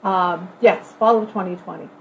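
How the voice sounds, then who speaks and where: A woman giving an informal corporate training video talk as an organization leader to new staff, conversational and halting, repeating phrases for emphasis. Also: on the low side, slight background noise, rough recording.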